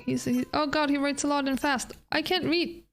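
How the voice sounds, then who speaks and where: A woman's voice: sits high, steady tone, moderate pace, a bit bright. A woman streamer chatting casually and bluntly over a video game, swearing now and then. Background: faint game music.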